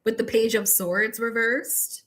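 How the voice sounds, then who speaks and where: Woman, tarot reader on a livestream; slightly high voice, casual, filler-heavy, firm direct warnings to the viewer. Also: little pitch movement, a little slow, fairly bright tone, a little hiss or hum. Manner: speaks straight to the viewer, many "like" fillers. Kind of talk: live tarot reading.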